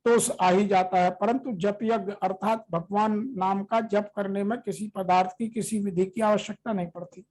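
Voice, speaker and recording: A scripture teacher, reading verses slowly and then explaining them in a steady, measured commentary. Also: medium pitch, low-quality recording.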